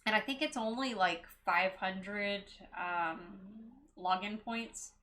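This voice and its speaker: A woman's voice: mid-range voice, slow pace, pushed and bright. A woman streaming a game, chatting casually and playfully, laughing and joking about how she mispronounces place names. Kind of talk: casual gameplay chat.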